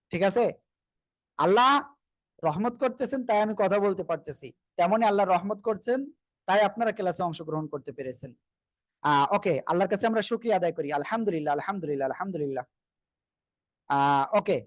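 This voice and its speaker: A man's voice: high voice, no room sound. A man teaching Quran recitation to an online class, patient, drilling pronunciation and asking everyone to repeat together.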